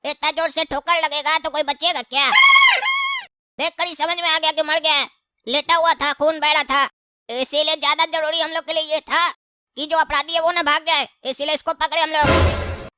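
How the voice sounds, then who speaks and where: A woman's voice: high-pitched, flat delivery, moderate pace, sharp tone. A woman voicing an indignant young male witness in a comedy skit, with a whiny, sarcastic way of complaining.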